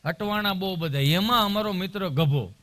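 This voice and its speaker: A man telling comic stories in stand-up, animated and punchy. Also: high voice, normal speed. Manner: animated, punchy, anecdotal delivery. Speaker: comedian. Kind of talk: stand-up comedy storytelling.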